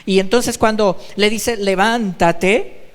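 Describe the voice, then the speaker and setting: A man's voice: high-pitched, normal speed, in a large hall. A male pastor giving an emphatic sermon, repeating his exhortations. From Colombia. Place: church.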